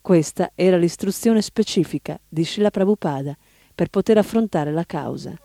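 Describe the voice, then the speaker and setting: A man narrating, reading a biography aloud in a steady, even storytelling manner. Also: high-pitched, moderate pace, vocal fry, no echo, clean studio sound.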